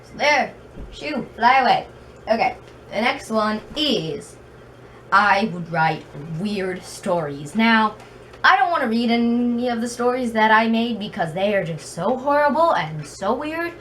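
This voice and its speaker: A slightly high, expressive, fairly bright voice with a very slight lisp belongs to a woman vlogging from her bedroom. She tells casual, self-deprecating stories at a measured pace, rambling as she goes. The room is noisy from a fan, and the mic is set far back.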